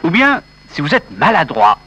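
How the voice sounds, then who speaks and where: A man announcing each case in a comic sketch, in a measured way. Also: a little high, huge pitch swings, husky. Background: loud music.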